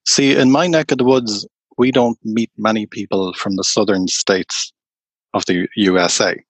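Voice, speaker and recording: A man, a tour guide, telling stories slowly and unhurriedly in an interview. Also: lowish voice, steady tone, slightly rough, no room sound. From Ireland. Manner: slow, unhurried anecdotal telling. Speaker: tour guide and storyteller guest. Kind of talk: conversational storytelling interview.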